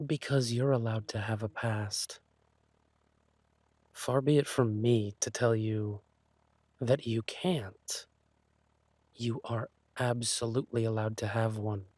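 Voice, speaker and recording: A man playing an insecure, lovesick thief boyfriend in a romantic audio role-play, speaking haltingly and tenderly. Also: on the low side, steady tone, darkish tone, no echo. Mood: troubled, tender. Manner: hesitant, halting, sighing delivery.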